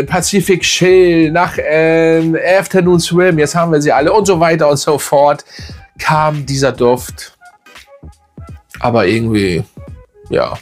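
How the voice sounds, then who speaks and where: A man giving a casual, blunt fragrance review, rambling with lots of fillers and restarts. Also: fairly high pitch. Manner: blunt and colloquial.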